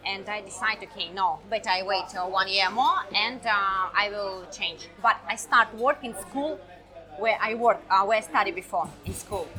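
A woman in her forties from Siberia with a Russian accent, a guest telling her story in halting non-native English with many fillers. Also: mid-range voice, sharp tone, soft background music. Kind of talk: casual chat.

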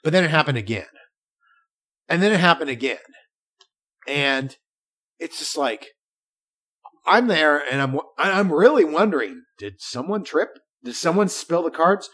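A man co-hosting a podcast, chatting casually and telling stories in an animated way with frequent restarts. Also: a little high, unhurried, pauses often. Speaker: podcast co-host. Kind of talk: casual chat.

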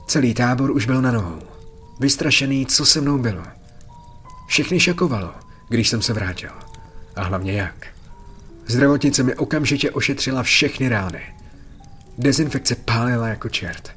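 A man's voice: mid-range voice, a bit bright. Man narrating a horror story over faint music.

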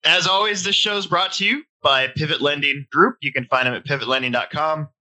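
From home, a stuffy-nosed man in his forties hosts a casual hobby podcast, chatting in a loose, rambling way. His voice is fairly high and sharp, his pace a little fast, and the audio is poor.

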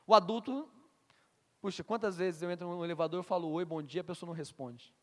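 Pastor, male, high voice, preaching sermon, asks the room questions, long church reverb. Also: fairly quick, fairly bright tone. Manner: stammers on restarts, asks the congregation questions.

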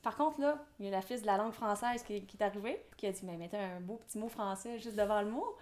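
A woman in her twenties, a real estate developer with a Québécois French accent, is interviewed on a podcast. She talks quickly in an enthusiastic, motivational way, with a medium-pitched voice and a darkish tone.

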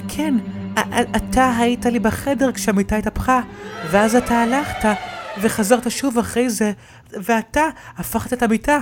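A man voicing a timid, anxious little girl in a horror story, speaking softly and stammering. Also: very high-pitched, music in the background, voice pushed up. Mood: frightened. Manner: soft, hesitant, stammering.

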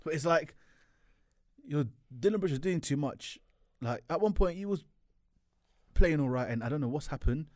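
A man's voice: fairly high pitch, animated, normal speed, long pauses, a little mellow, no room sound, studio quality. A young man with an urban London roadman accent chatting casually about sport as a podcast co-host, ranting in slang and repeating himself in exasperation.

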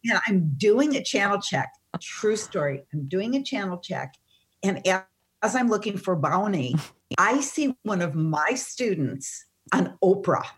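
A middle-aged woman, a seminar teacher, telling a personal story in conversation, animated and emotional. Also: mid-range voice, measured pace.

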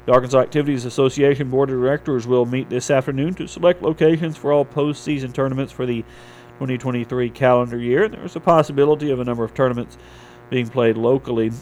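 A man's voice: medium pitch, steady tone, fast, a little mellow, soft background music, low-quality recording. A man anchoring a local radio newscast, reading sports scores and weather from a script in a studio.

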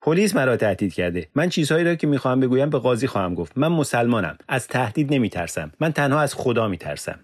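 A man voicing an embittered male prisoner in an audiobook, agitated and complaining, shouting in bursts. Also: deep voice, hardly any pauses, breathy edge, no echo, studio quality, heavily acted. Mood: defiant. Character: bitter, defiant male prisoner under interrogation. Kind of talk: audiobook character reading.

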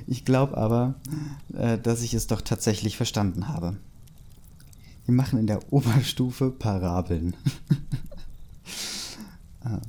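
A man's voice: lowish voice, dark tone, slight background noise. A young man casually reading a fan story aloud, breaking in with his own asides and chuckles. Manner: reads loosely, interrupts with asides and chuckles. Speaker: story reader.

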